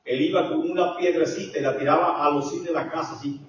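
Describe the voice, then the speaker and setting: An older man preaching a sermon as a pastor, swinging from hushed storytelling to shouted preaching. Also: fairly high pitch, fairly even intonation, fast talker. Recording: echoey hall, distant dull mic.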